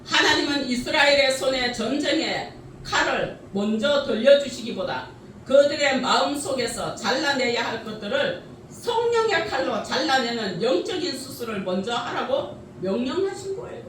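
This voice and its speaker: A woman's voice: high-pitched, big pitch swings, normal speed, fairly bright tone, slight background noise. A middle-aged woman preaching a sermon with many rhetorical questions and frequent laughter, heard from a distance in a church sanctuary. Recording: echoey church hall from a distance.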